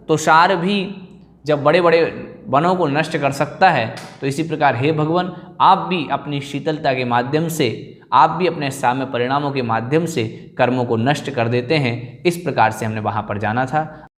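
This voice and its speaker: Slow, careful male scripture teacher. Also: fairly high pitch. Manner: slow, careful, repeats words for pronunciation. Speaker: religious teacher. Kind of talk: scripture recitation class.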